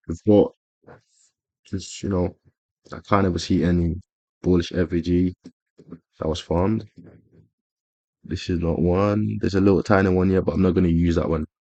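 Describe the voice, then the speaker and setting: Man, very low voice, casual screen tutorial, rambling fillers, dry dull recording. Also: steady tone, measured pace, long pauses, dark tone, no room sound. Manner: rambling, frequent fillers and self-corrections. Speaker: trading educator.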